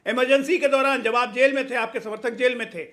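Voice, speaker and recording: Guy on a tv debate talking fast, high voice, pointed arguments. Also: fairly even intonation, pushed and bright. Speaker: debate panelist. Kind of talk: heated TV debate.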